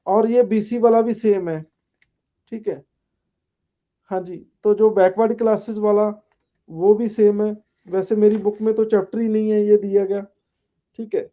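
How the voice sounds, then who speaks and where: Mellow-voiced male teacher. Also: sits high, fairly even intonation, measured pace, long pauses, dull audio. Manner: casual, repeats "ठीक है" and "हाँ जी" often. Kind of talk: online polity lecture answering student chat.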